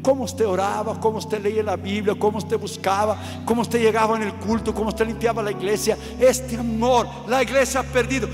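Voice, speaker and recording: A man preaches with fervor, his voice sitting unusually high. He drives home repeated phrases, rising to shouts. The sound rings with long hall reverb over faint music. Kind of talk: sermon.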